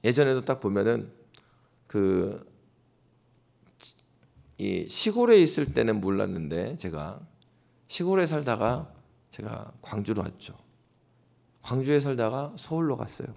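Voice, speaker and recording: A male pastor preaching an animated early-morning sermon in a church, addressing the congregation directly. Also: mid-range voice, a little slow, creaky, long pauses. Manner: animated preaching, acts out scoffing voices. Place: church sanctuary.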